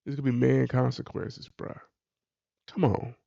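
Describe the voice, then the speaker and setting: A man's voice: medium pitch, level tone, normal speed, vocal fry, warm tone, no room sound, dull audio. A man giving casual, colloquial reaction commentary in an exasperated, preachy way.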